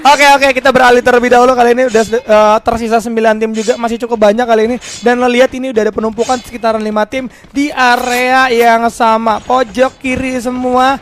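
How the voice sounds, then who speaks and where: Casting: Indonesian male esports caster, extremely high excitable voice, urgent play-by-play, some noise behind. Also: fast talker, hardly any pauses. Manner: excitable, urgent, often raising his voice. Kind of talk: game tournament play-by-play commentary.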